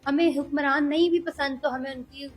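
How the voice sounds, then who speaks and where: A young woman speaking earnestly as an interview guest, measured and hesitant at times. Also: high voice, steady tone, faint music behind, rough recording. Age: young adult. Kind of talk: political interview.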